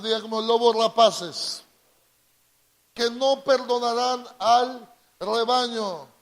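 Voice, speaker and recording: A man with a Latin American Spanish accent preaching a call-and-response sermon, drawing out key words and prompting the congregation to repeat after him. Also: extremely high pitch. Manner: drawn-out emphatic delivery, prompts congregation to repeat.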